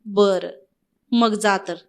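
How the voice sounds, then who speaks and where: A woman's voice: medium pitch, steady tone, very slow. A woman reading the part of a bold young village hero who speaks in a commanding tone. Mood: firm.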